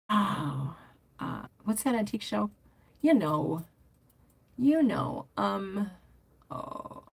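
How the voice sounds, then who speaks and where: Gravelly older woman chatting on a livestream. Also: mid-range voice. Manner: rambling, chatty, reads out viewer comments. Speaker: motorcycle vlogger hosting a livestream. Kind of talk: casual livestream chat.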